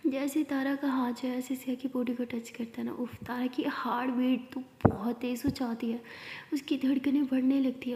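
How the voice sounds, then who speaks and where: Woman in whispered role-play storytelling. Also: fairly high pitch. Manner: hushed, intimate narration. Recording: roomy reverberant room.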